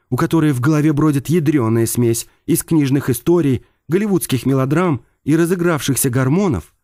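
A talking bird with a high, pinched female voice, put on by a male narrator hisses her words at a near-whisper. She scolds in short, clipped bursts, irritation barely held down. The reading sounds close and dry. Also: warm tone, dry recording.

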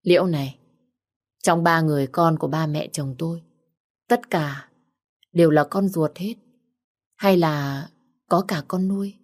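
A woman voicing a quiet, thoughtful young wife who speaks calmly and in a measured way. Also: deep voice. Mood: curious. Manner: calm, measured.

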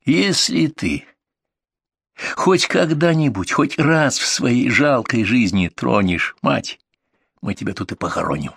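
A burly paramedic hisses his threats in a low, steady voice, as a man acts him out. He sounds cold and in control, with a dry, close storybook sound. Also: normal speed, husky, no room sound. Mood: menacing. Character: tough burly male paramedic, menacing.

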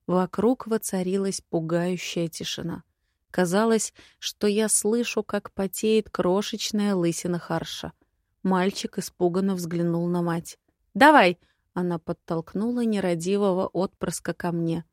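A woman's voice: lowish voice, a little slow, dry recording, studio quality. Wry woman narrating an audiobook. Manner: wry, lively storytelling. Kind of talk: first-person audiobook narration.

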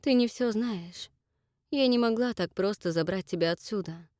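A gentle, guilt-ridden woman, as a female audiobook reader voices her, soft and unhurried. She explains herself quietly and earnestly, in a very dry, close sound. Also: medium pitch, no room sound, voice pushed up, natural voice. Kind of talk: audiobook character voice.

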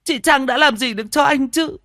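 A man's voice: extremely high pitch, brisk, sharp tone, no echo, studio quality, pitched above the performer's own voice, heavily acted. A man voicing a hot-tempered, jealous young woman who stammers and shrieks when upset. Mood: hurt, furious.

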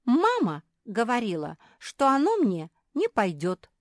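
A woman's voice: fairly high pitch, wildly swooping pitch, unhurried, no echo, voice pushed up. A woman voicing a small, tearful female dog who whines and pleads close to tears, in an audiobook. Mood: sulky. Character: high-pitched tearful little female dog. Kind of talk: audiobook character voice.

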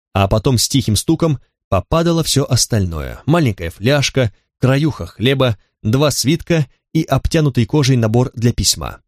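A man with a medium-pitched voice narrates an audiobook in a measured, storytelling manner. It is scripted narration with clean studio sound and no echo.

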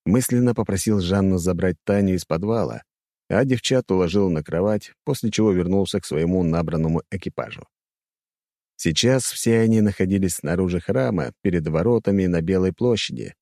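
A man narrating a fantasy audiobook in the first person with expressive storytelling. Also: deep voice, fairly quick, no echo, studio quality.

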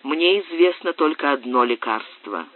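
Male narrator voicing an unruffled, cold-blooded doctor in an audiobook; slightly high, thin phone-like sound. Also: normal speed, dry recording. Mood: calm. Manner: calm, unruffled. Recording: tinny, dry, phone-like audio.

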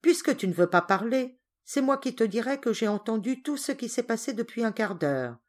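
A woman voicing a stern but fair father who speaks in a measured, grave, reproachful way. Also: fairly high pitch, expressive, darkish tone, voice pushed up, close to an everyday voice.

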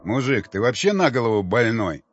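A man's voice: on the low side, expressive, fairly quick, faint music behind, lightly acted. A man voicing a weary, blunt expedition leader who talks with sarcastic exasperation. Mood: exasperated. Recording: dull lo-fi dry recording.

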